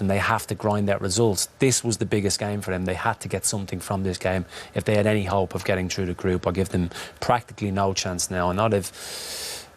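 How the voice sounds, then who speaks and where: Flat-voiced man giving blunt football verdicts. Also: deep voice. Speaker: football pundit. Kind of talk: post-match analysis.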